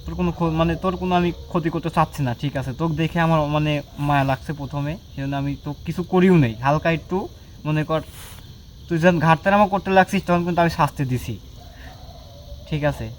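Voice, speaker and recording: At night, outdoors in a bamboo grove, a male ghost hunter confronts an unseen spirit, scolding and commanding it with repeated short orders. His voice is on the high side and he talks fast, with a little hiss or hum in the recording.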